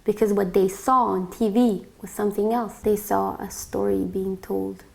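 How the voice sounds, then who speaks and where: A young woman from Bosnia recounts her own story in a quiet, reflective way, pausing often on small fillers. Her mid-range voice carries a gravelly fry at the ends of phrases. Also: medium pitch, steady tone. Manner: reflective, soft-spoken, with frequent fillers. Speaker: interviewee. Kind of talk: personal testimony.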